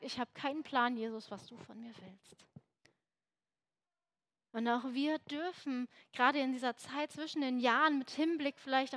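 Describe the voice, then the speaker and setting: A woman's voice: high-pitched, a bit bright, dry recording. A young woman giving an earnest, emphatic sermon, at times dropping to a near whisper for emphasis. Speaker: preacher.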